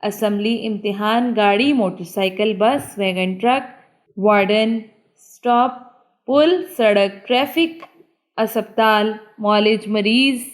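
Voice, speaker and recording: A woman, working through a textbook exercise as a teacher and reading word lists aloud clearly and deliberately. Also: mid-range voice.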